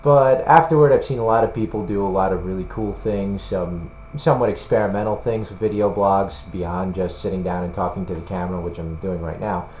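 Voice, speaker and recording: A man's voice: low voice, fairly quick, few pauses, a little mellow. A man video blogging for a combat sports site, talking casually to the camera in a rambling, hesitant way with lots of fillers. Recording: roomy room with faint hum.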